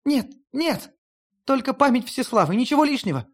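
A reader voicing a proud, haughty female goddess of death in an audiobook, speaking high and pleading. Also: very animated, moderate pace. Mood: insistent. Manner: lofty, pleading, high-pitched.

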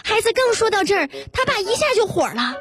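A woman's voice: very high-pitched, big pitch swings, fast talker, fairly bright tone. A woman radio host, telling comic stories in the first person over background music. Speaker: radio host reading jokes. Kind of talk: scripted comic storytelling. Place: radio studio.

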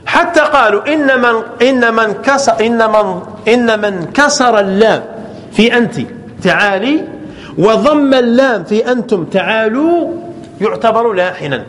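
A man teaching an Arabic grammar class, slowly drawing out example words and often checking that the students follow. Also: high voice, a bit bright. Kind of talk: classroom lesson. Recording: echoey hall with faint ambient noise.

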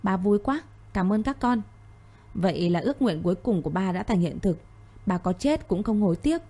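A woman voicing a frail, loving old father in an audio story. She speaks in her own mellow voice, warm and earnest. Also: medium pitch, animated, moderate pace. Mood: tender urging.

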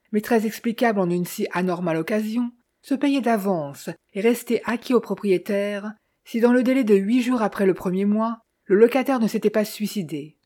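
A woman reading a short story aloud in steady, measured narration. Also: medium pitch. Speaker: audiobook narrator.

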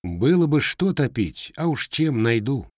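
A man's voice: mid-range voice, very animated, unhurried, no room sound, clean studio sound, voice pushed up. A man voicing a guarded, scarred young Cossack with plain, blunt village speech.

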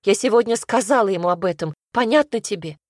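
A woman's voice: mid-range voice, fast, darkish tone, dry recording, natural voice. A woman voicing a distraught young woman who sobs and pleads, in a dry, close reading. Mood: tearful. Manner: sobbing, pleading, snapping.

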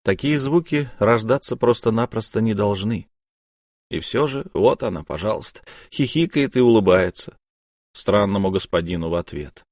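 A man narrating an audiobook in a measured, literary manner. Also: lowish voice, lively intonation, a little mellow, no echo, studio quality.

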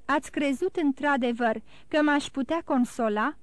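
A woman reading an audiobook, voicing a gentle but resolute young man in despair, earnest and bitter. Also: sits high, dry recording, lightly acted.

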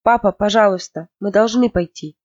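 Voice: medium pitch, moderate pace, close to an everyday voice. Narrator voicing a tearful pleading girl. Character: frightened pleading young girl. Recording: dull lo-fi, dry.

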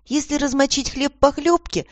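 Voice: high-pitched, brisk, dry recording, voice pushed up, natural voice. The storybook narrator voicing a young servant girl who coaxes and cheers up her friend. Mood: coaxing.

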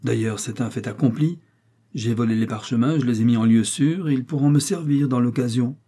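Close to his everyday voice, a man with a warm, husky medium-pitched tone reads an old novel at a fairly quick pace. He plays a sly, bold servant who plots against his master, and his manner is ironic, mocking and insistent.

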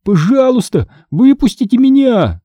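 Man doing a shrill, panicked young boy. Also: sing-song, measured pace, mellow, no echo, full character voice. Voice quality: shrill pleading cries. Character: terrified twelve-year-old boy.

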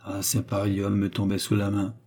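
A man voicing a greedy young courtesan, sharp, impatient and ironic, barely changing his own voice in an audiobook reading. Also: fairly low pitch, monotone, brisk, natural voice.

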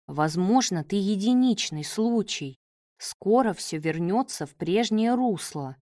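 A woman voicing a hesitant, uncertain young man in an audiobook, in a slow and measured way. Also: mid-range voice, expressive, warm tone, no echo, studio quality. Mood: reflective. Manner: hesitant, reflective.

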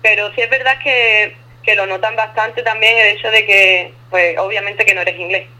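A woman's voice: medium pitch, steady tone, normal speed, bright, forceful tone, poor audio. A woman from southern Spain with a lisping Andalusian accent that drops letters, chatting colloquially as an interview guest over a remote call. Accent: Andalusian, from Ubrique. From Ubrique, Andalusia, Spain. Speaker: interview guest living abroad. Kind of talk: casual phone interview.

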